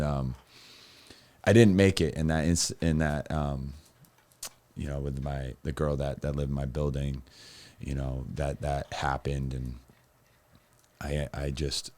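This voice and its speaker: A young adult man, a podcast guest, telling his personal story in a rambling, halting way with many restarts. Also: extremely low pitch, darkish tone, no echo.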